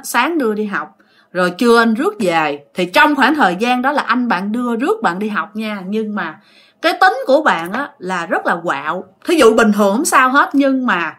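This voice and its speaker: Lively Southern Vietnamese woman storyteller. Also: a little high. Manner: chatty, addresses listeners directly. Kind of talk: telling a ghost story.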